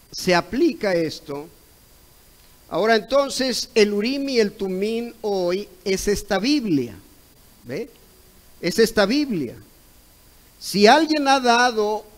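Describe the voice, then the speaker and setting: A Mexican man preaching a Sunday school sermon, retelling a conversation, pausing to ask "¿ve?" and at times rising to loud cries. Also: high voice, low-quality recording. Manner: retells a dialogue, repeating "correcto" and "¿ve?"; rises to loud exclaimed cries when acting out others.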